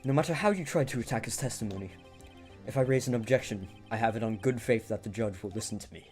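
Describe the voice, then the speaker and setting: A man in his twenties voicing a cold, ruthless young male prosecutor in a fan reading of a game script, speaking low, cool and measured. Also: darkish tone, soft background music, close to an everyday voice. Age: 20s.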